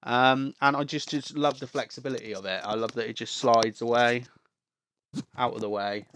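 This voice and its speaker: A young tech reviewer with a cold speaks nasally at normal speed, his voice medium-pitched, fairly even, and fairly bright. He chats casually through a product review at his home desk beside a busy street, rambling with plenty of fillers and restarts, with slight background noise audible.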